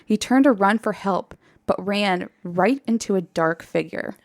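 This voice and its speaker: A woman podcast host retelling a story in casual chat, animated and laughing often. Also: medium pitch, a little slow, no echo.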